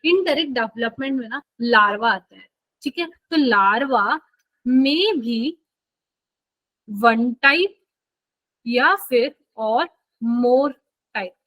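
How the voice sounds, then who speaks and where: A woman with a high, light voice teaches a live online biology class. She speaks casually and keeps checking whether her students are following. Her voice is picked up dry and close, with no room sound. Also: animated, slow pace, pauses often, bright, forceful tone, no room sound, low-quality recording. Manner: chatty, checks in with students often.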